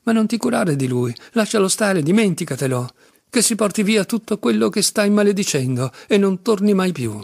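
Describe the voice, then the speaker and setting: A man's voice: medium pitch, animated, normal speed, vocal fry, darkish tone, breathy edge, dry recording, clean studio sound, heavily acted. A man reading an audiobook, voicing a compassionate young man who pleads earnestly. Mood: pleading.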